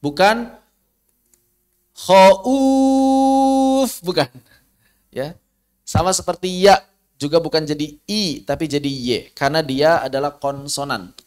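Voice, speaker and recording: A man's voice: fairly high pitch, normal speed. A man with an Indonesian accent teaching tajwid online, patiently demonstrating how letter sounds are pronounced.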